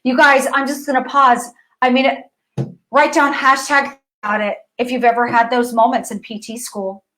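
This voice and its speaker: A woman dance physical therapist teaching an online course lesson in a casual, animated way, talking straight to viewers and often restarting her sentences. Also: fairly high pitch, normal speed, low-quality recording. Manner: reads messages aloud.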